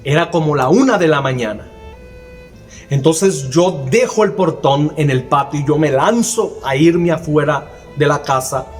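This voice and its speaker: A man's voice: fairly high pitch, a little slow, soft background music. A man preaching a sermon, earnestly telling a personal testimony and repeating phrases for emphasis. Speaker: minister.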